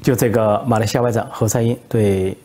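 Male commentator, low and husky, relaxed tale-spinner with hesitations. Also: fairly quick. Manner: relaxed storytelling with frequent hesitations. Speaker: political commentator. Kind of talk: commentary with joke storytelling.

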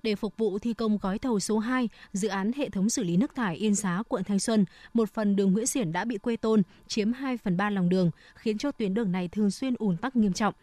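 A woman's voice: medium pitch, brisk, hardly any pauses, darkish tone, dry recording. Woman reading scripted news, dry sound. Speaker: radio news presenter.

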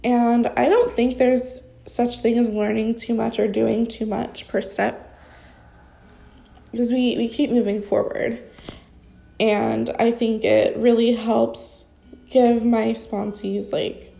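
A young woman's slightly high voice is creaky and dark, delivered flatly and slowly. Sharing her experience as a recovery sponsor, she talks unscripted in a casual vlog. She sounds congested with a blocked nose and rambles spontaneously, using lots of fillers.

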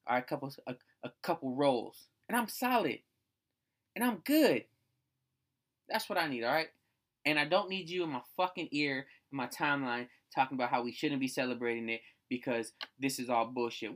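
A woman's voice: medium pitch, a bit bright. A woman from the United States hosting a casual solo rant, blunt and profane, repeating herself for emphasis.

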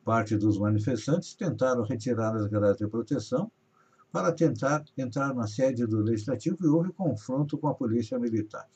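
A man's voice: mid-range voice, moderate pace, a little mellow, breathy edge. A man from Brazil hosting a live news show, reading regional headlines and stories with rising emphasis. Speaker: news host. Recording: dull lo-fi audio.

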